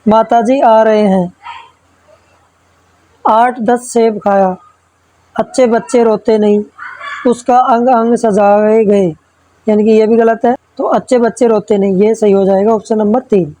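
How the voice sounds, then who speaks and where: A woman's voice: a little high, steady tone, slow pace, pauses often, warm tone, dry recording, low-quality recording. Methodical woman teacher walking through exam questions. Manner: reads each question then explains answer step by step; checks in with frequent tag questions. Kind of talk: exam-prep lesson.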